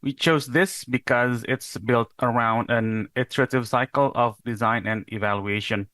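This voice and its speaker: A young man from Indonesia giving a recorded conference talk as a PhD researcher, in a measured, explanatory way with the odd rhetorical question. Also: medium pitch, fairly bright tone, dry recording.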